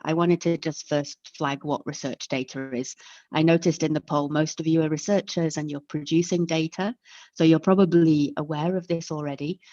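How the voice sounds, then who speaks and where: A native English-speaking woman hosts a webinar, walking through an online lecture step by step in a friendly manner. Her voice is low-pitched with a darkish tone. The dull, lo-fi call audio carries no echo.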